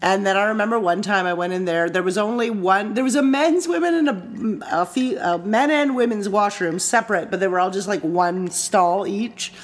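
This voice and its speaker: A woman from Canada co-hosting a casual podcast, telling lively bar stories with swearing and laughter. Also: medium pitch, moderate pace, hardly any pauses. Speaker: podcast co-host. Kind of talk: casual chat.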